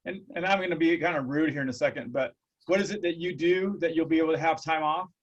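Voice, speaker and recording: A man's voice: on the high side, quick pace, highs cut off. A middle-aged man, hosting an interview in an earnest, rambling, reflective way. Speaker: host. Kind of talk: casual interview.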